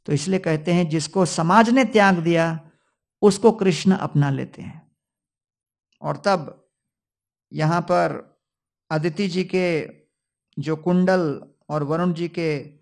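Male preacher, devotional storytelling discourse, quotes Sanskrit verses, high voice. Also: vocal fry. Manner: storytelling, quoting Sanskrit verses, mixing in English words.

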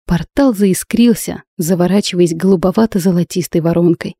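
A woman's voice: lowish voice, moderate pace, warm tone, no room sound. A woman narrating a first-person fantasy audiobook with intense, emotional delivery, recorded close to the mic.

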